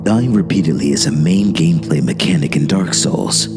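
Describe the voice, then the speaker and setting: A man playing a smug, deep-voiced devil. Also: moderate pace. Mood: smug lecturing. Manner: monotone, lecturing. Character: smug, deliberate male devil in a suit. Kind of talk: horror story narration. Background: music.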